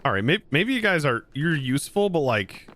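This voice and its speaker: A man's voice: a little high, very animated, a little fast, a bit bright, slight background noise. A man in his thirties from the United States, rambling and joking with his viewers while he plays. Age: 30s. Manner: rambling, joking, talking to chat between actions. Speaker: live streamer. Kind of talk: casual gameplay chat with viewers.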